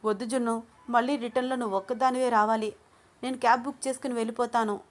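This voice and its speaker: A woman's voice: fairly high pitch, fairly even intonation, fairly quick, pitched above the performer's own voice, close to an everyday voice. A woman playing Anu, a defiant young woman. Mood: tearful. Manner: tearful then shouting angrily.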